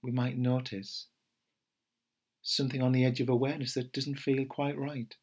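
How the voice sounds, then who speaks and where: Middle aged guy, meditation teacher, slightly husky voice, gentle and slow with lots of ums. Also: medium pitch, little pitch movement. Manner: gentle, unhurried, pausing with fillers and restarts. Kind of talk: podcast talk before a guided meditation.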